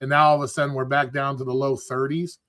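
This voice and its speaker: In a fast, flat, mid-range voice that is a bit bright, this host runs a casual livestream chat. The audio is studio quality with no room sound, and he's congested and losing his voice while he talks loosely and swears a lot.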